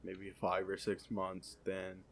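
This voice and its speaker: Young man, very low voice, gravelly, casual podcast chat, hesitant. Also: slow, slight background noise. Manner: relaxed and hesitant, many fillers. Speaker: podcast co-host.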